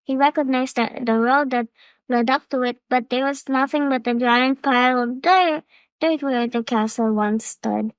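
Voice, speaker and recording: A woman reading a children's fable aloud as storyteller, slow and expressive. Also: high-pitched, smooth, no echo.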